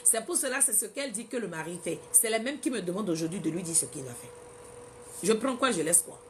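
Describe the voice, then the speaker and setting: At a church women's gathering, a woman gives an animated testimony, acting out quoted dialogue and firing questions directly at the audience. Her voice sits in the mid range, she talks fast, and there's slight background noise.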